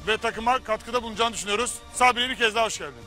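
A man's voice: high voice, racing, bright, forceful tone, soft background music. A man hosting a reality competition show, welcoming a contestant in an upbeat, announcing manner. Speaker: show host.

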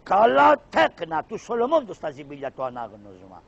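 A man voicing a pompous, hot-tempered Ottoman pasha in a shadow-puppet play, giving booming, bossy proclamations. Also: huge pitch swings, creaky, a bit bright, dry recording, heavily acted. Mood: blessing. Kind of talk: Greek shadow-puppet theater. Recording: dull lo-fi recording.

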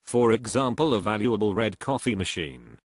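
Lively low-voiced man hosting a skit. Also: normal speed, slightly rough, dry recording. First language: Swedish. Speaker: host of home birthday video. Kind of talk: home video skit.

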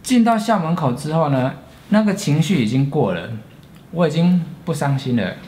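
A man's voice: fairly high pitch, lively intonation, a little mellow, slight background noise. Earnest Taiwanese man telling a personal story. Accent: Taiwanese Mandarin. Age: 40s. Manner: earnest, reflective, with frequent pauses and restarts. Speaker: storyteller, channel host.

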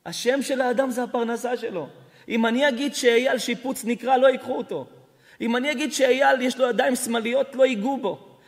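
Man, rabbi, colloquial sermon, high voice, impassioned storytelling, long hall reverb. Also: gravelly. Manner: impassioned, acts out quoted dialogue, rising to rebuke. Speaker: rabbi giving a lecture. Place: synagogue or hall before an audience.

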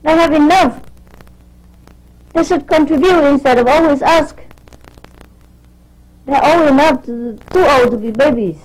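A woman's voice: high voice, slow pace, long pauses, low-quality recording. A woman spiritual teacher giving an informal sermon to her disciples. She scolds, repeats words while searching for them, and keeps asking rhetorical questions.

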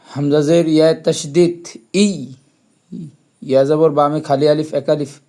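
A man teaching Quran reading, spelling out each letter and vowel mark, then chanting the syllables in long drawn-out tones. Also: fairly high pitch, flat delivery, dark tone. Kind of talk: slow spelled-out Quran recitation lesson.

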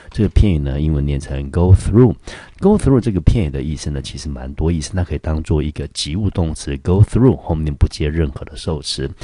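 A man with a Taiwanese Mandarin accent, patiently walking through an English exam question as a teacher, pausing often between phrases. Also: a bass voice, mellow, breathy edge, no room sound. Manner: slow, patient explaining with frequent "呢" pauses.

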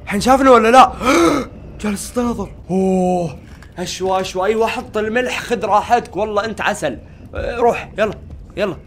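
A man giving excitable, panicky let's-play commentary as a gaming channel host, talking back to the game's characters. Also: high voice, brisk, a little hiss or hum.

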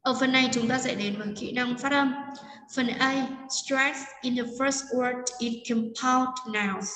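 A woman English teacher explaining a lesson in Vietnamese, reading the English examples slowly and carefully. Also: sits high, fairly even intonation, a bit bright, a little hiss or hum. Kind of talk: classroom lesson narration. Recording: echoey roomy, distant from mic.

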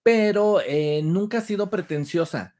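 A young man with a Mexican accent co-hosts a gossip chat over a video call from a room in his home, laughing in an animated, mocking way. His voice is high-pitched and his pace a little slow.

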